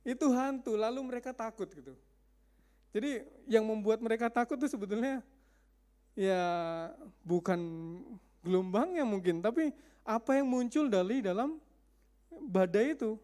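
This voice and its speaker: A man's voice: high-pitched, moderate pace, pauses often, a little mellow. A male preacher giving a conversational sermon, often putting questions to his congregation.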